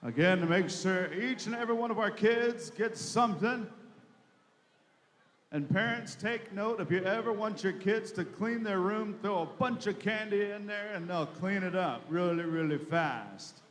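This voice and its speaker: A man's voice: sits high, normal speed, a bit bright, a little hiss or hum. A man working as a powwow emcee, making live announcements over an arena PA in a folksy, ceremonious way. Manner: folksy, ceremonious, addressing families and crowd directly. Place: large reverberant arena, over a PA. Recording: reverberant hall public address sound.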